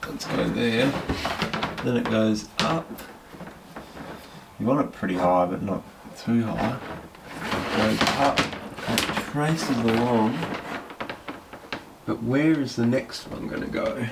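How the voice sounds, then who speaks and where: Gravelly and slow, with long pauses, a medium-pitched man with the flu sniffles through casual vlog narration of his DIY boat-cabin wiring. He thinks aloud hesitantly as he works with his hands amid a noisy background.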